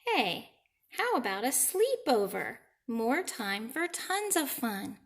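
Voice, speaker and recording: A woman voicing a cool, laid-back cartoon cat in a children's picture book, with slow singsong bedtime phrasing. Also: on the high side, very animated, full character voice. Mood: upbeat, inviting.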